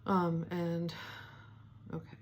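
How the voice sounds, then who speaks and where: A woman giving a spiritual teaching, speaking softly and reflectively, with pauses, fillers and restarts. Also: fairly low pitch, level tone, a little hiss or hum. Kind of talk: devotional teaching talk.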